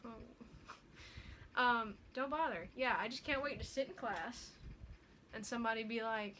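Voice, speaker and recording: A young woman vlogging in a loose, rambling chat, slightly higher-pitched than most women. She fills her talk with "like", giggles at herself and teases her own quirks. A steady hiss of background noise runs under the recording. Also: moderate pace, low-quality recording. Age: young adult. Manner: rambling, chatty, lots of "like" fillers; giggly, self-deprecating. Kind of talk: casual chat haul video.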